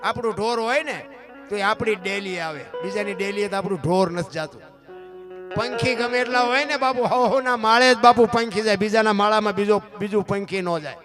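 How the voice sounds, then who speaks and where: A man's voice: high-pitched, fairly quick, music in the background. A man giving a folk moral discourse to a gathering, firing rhetorical questions at his listeners and calling them "bapu". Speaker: folk storyteller at a dayro gathering.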